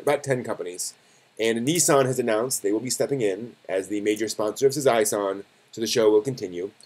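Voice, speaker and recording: A man with a medium-pitched, slightly mellow voice hosts a live stream of news commentary. His delivery is relaxed and conversational but somewhat halting, with frequent self-corrections.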